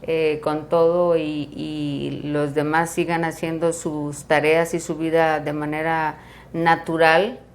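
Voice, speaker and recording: A woman's voice: deep voice, level tone, slow, a little hiss or hum. A woman hosting an interview, chatty and fond of acting out everyday scenes. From Mexico. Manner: chatty, acts out everyday scenes, many fillers. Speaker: host. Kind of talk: interview talk.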